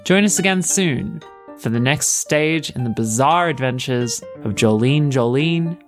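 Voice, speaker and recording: Slow, measured male game master. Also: mid-range voice, animated, soft background music. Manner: dramatic, measured storytelling. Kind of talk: narrating a tabletop game.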